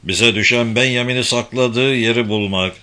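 A man doing a calm retired cop. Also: medium pitch, moderate pace, lightly acted. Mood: steady. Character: calm retired male police officer, steady and reassuring.

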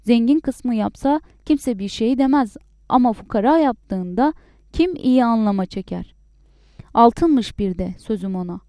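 A woman voicing a furious, sharp-tongued poor peasant wife who scolds loudly in a raised, shrill voice. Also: expressive, unhurried, no room sound, clean studio sound. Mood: scolding.

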